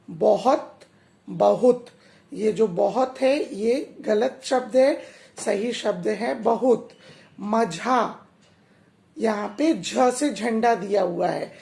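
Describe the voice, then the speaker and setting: A woman's voice: a little high, gravelly, darkish tone. A woman teacher giving a lesson to schoolchildren, explaining carefully and addressing the pupils directly. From India. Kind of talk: classroom lesson for children. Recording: echoey room.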